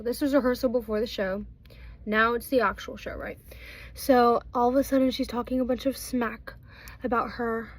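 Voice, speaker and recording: A woman's voice: fairly high pitch, low-quality recording. Chatty teen girl rambling a storytime. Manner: chatty, rambling, many fillers and restarts. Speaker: vlogger. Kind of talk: casual storytime while doing makeup.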